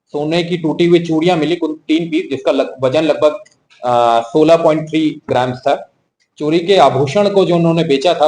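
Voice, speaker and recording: A man speaking as a police officer at a press briefing, formal and measured, pausing often with "uh". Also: a little high, darkish tone, slight background noise, poor audio. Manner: formal, measured, with frequent "uh" pauses.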